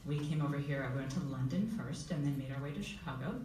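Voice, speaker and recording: A woman's voice: extremely low pitch, fast, warm tone. A woman from Uganda, a panelist telling her life story in an upbeat way, recorded in a school hall. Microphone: table mic heard from far camera. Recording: echoey hall from far off, faint noise.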